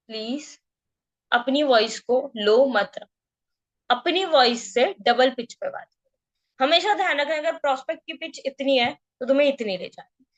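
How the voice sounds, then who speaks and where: A woman's voice: high-pitched, fairly bright tone, dull audio. A woman leading an online training meeting, addressing her team casually and swinging her tone up and down on purpose. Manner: addresses listeners casually as guys. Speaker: network marketing trainer. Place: home at night, neighbors nearby. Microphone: online meeting call.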